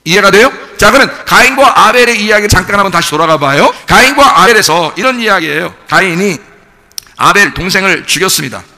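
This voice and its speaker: Animated, bright-voiced preaching man. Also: sits high, vocal fry, long reverb tail. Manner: conversational, asks the congregation questions. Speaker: pastor. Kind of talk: sermon.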